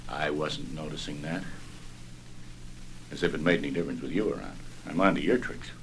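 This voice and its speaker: A gruff old father with a very deep, low voice, blustering and scolding his grown sons. He barks short lines in the measured manner of a 1960s film drama, under a faint noise. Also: poor audio. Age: older. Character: gruff, stingy old Irish-American father.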